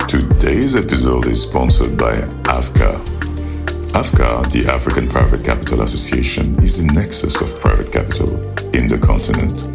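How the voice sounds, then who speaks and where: A man's voice: extremely low pitch, lively intonation, normal speed, vocal fry, over loud music. A man reading a scripted sponsor message. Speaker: sponsor announcer.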